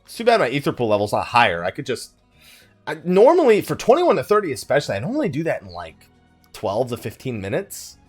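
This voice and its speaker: Over soft background music, a male gaming YouTuber talks fast through a let's play, his pitch swooping wildly. His commentary is casual and rambling, as if he's thinking aloud while playing.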